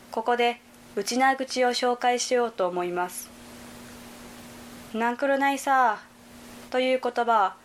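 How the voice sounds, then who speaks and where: A young woman from Hyogo narrating a prepared report, reading in a careful, measured way. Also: on the high side, a little hiss or hum. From Hyogo Prefecture, Japan. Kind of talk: scripted narration.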